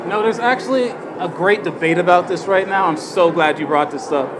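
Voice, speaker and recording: A man in a live comedy sketch, speaking deadpan and mock-serious like a showman. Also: sits high, fairly quick. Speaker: guest. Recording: noisy live stage with crowd.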